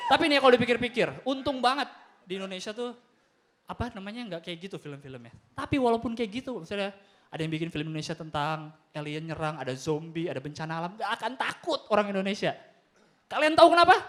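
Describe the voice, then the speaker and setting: A young man doing a stand-up comedy routine on stage, animated, acting out quick voices and gunshot sounds. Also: very high voice.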